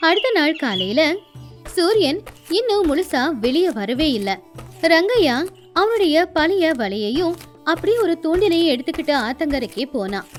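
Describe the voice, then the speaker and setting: A woman narrating a moral story in a measured storytelling manner. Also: sits high.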